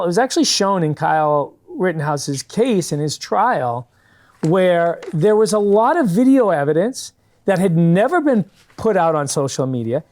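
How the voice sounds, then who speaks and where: This guest, who founded a fundraising company, has a high voice with a darkish tone. Sitting for an interview in a public TV studio, he explains his views earnestly and at length, frequently starting sentences over.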